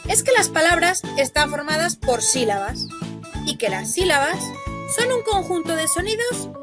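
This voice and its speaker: A woman with a Spain Spanish accent giving a scripted grammar lesson for children, slowly drawing out each example word. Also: very high-pitched, sing-song. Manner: slow, stretched-out spelling of example words. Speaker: narrator of a children's grammar video. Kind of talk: scripted educational narration. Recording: clip with loud children's music behind.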